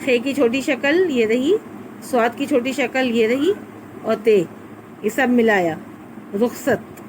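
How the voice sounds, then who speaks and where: A primary school Urdu teacher with a fairly high voice patiently spells out letters step by step for a children's class. The recorded lesson has poor audio with a little hiss or hum.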